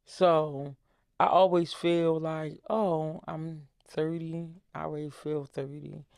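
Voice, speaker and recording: A woman's voice: deep voice, steady tone, slow, gravelly, a little mellow, no room sound, studio quality. A woman in her thirties, a guest author, chatting in an upbeat way on a podcast. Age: 30s. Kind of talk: casual chat.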